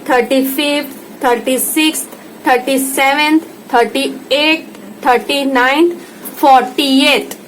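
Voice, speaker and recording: An Indian woman tutor giving a home lesson, slowly repeating each word and checking in with her listener. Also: high-pitched, steady tone, a little hiss or hum, low-quality recording. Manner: slow patient repetition, checks in with "theek hai".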